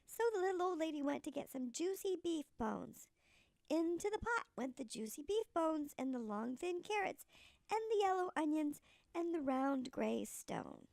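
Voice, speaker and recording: Female storybook narrator, sweet old lady manner: high, creaky, deliberate. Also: very animated, darkish tone, no room sound, studio quality.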